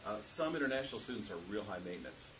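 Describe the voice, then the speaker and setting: A man's voice: fairly low pitch, lively intonation, racing, distant mic. A man hosting a casual panel discussion, telling folksy stories and acting out other people's voices. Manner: folksy storyteller, acts out voices in anecdotes. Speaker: host. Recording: muffled recording with hiss.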